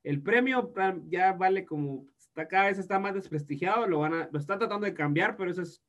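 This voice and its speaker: A man's voice: sits high, fairly quick, muffled recording. A man, co-hosting a podcast in laid-back, slangy casual chat and swearing freely. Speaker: podcast co-host.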